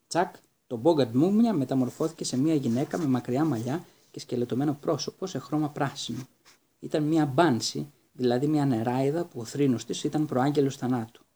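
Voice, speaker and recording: Husky-voiced man reading a storybook. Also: medium pitch. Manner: steady, even storytelling read. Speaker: narrator. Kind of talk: audiobook narration.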